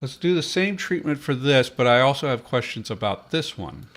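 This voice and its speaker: A man's voice: medium pitch, lively intonation, moderate pace, fairly bright tone. A man hosting a podcast, thinking aloud as he builds a language, with many fillers and restarts. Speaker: podcast host.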